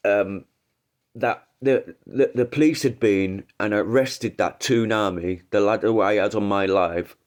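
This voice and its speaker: On the low side and unhurried, this man's voice carries the congestion of a head cold. Hosting a laid-back livestream, he rambles about his opinions with frequent restarts.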